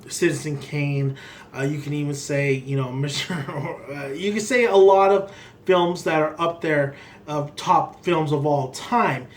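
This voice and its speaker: A man giving a casual, unscripted film review in a rambling, emphatic way, often repeating himself. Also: on the high side. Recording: clearly noisy background ambience.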